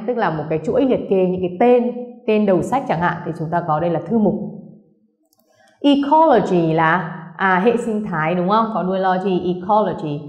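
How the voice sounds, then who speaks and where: A woman English teacher explaining to students, patiently checking understanding and slowing down for English words. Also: on the low side, roomy sound, muffled recording. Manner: patient, keeps checking understanding with tag questions; switches between slow spelled-out English and quick explanation.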